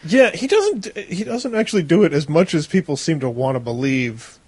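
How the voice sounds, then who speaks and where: A man doing casual movie commentary with a group, emphatic and animated and quick to laugh. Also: a little high, husky, no echo. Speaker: podcast commentator.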